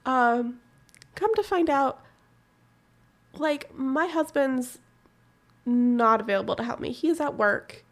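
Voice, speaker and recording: A young woman co-hosting a podcast, telling a story casually with animated, profane, laughing energy. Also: high-pitched, takes it slowly, long pauses. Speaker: podcast co-host.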